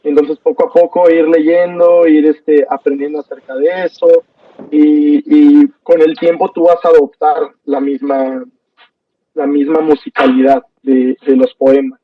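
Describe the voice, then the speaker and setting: A young man teaching an online poetry class, relaxed and hesitant, with many fillers and restarts. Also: on the high side, measured pace, no echo, recorded from a distance. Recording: dull, dry sound from off mic.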